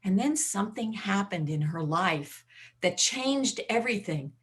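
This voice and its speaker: Brisk chatty woman hosting a live chat. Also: mid-range voice, expressive. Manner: brisk, chatty, reads the guest's introduction. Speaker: host, interviewer. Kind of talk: live online interview. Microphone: video call.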